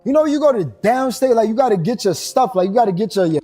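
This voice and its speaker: A man's voice: high-pitched, expressive, fast talker, mellow, soft background music. A man telling a long, rambling street story, asking "you heard?" throughout. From New York. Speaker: storyteller in a played clip. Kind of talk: casual storytelling.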